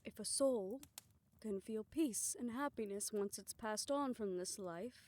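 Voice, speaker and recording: A woman acts out a scripted audio roleplay, giving voice to several characters in a soft, hushed manner that frequently sinks to a whisper. Her voice sits in the mid range, her pace is measured, and there's no echo.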